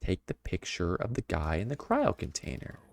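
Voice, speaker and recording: Low, gravelly game streamer. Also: male voice, moderate pace, no echo. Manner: wry, deadpan quips. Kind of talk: casual gameplay commentary.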